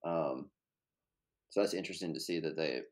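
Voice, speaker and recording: A man with a very deep voice hosts a relaxed podcast conversation. He speaks in a measured way and works through his thoughts out loud. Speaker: podcast host. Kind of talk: casual chat.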